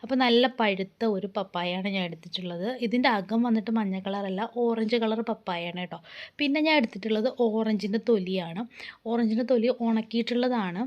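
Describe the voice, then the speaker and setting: Hoarse woman from Kerala, mid-pitched, chatty home-tutorial delivery, patient step-by-step explaining. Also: brisk, highs cut off. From Kerala, India. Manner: chatty, explains step by step, often adds reassuring tags. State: hoarse from a cough. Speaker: home remedy vlogger.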